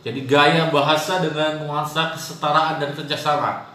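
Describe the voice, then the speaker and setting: A man's voice: a little high, flat delivery, normal speed, pushed and bright. Man teaching in a very echoey room. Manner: explains with frequent "ya" tags and homely examples. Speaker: hypnosis teacher. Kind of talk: casual spoken lesson. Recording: very echoey room, faint noise.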